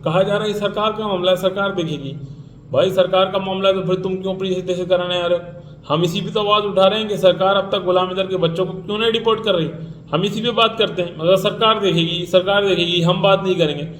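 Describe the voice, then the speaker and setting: A man's voice: high-pitched, fairly even intonation, a little hiss or hum. A man giving an indignant, ranting commentary, repeating himself and mocking others by mimicking them. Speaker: vlogger. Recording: echoey room with faint ambience.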